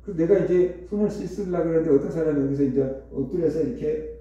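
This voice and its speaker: A man preaching a conversational sermon as pastor, telling a story with rhetorical questions and lively repetition. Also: on the high side, quick pace. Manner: repetitive, animated retelling. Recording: echoey hall, distant dull mic.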